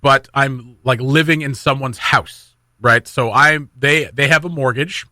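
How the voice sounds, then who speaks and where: A Canadian man hosts a casual morning radio chat from a studio, joking around conversationally and often repeating phrases for emphasis. His voice is medium-pitched and a little slow, with a sharp tone, captured dry on a close studio microphone.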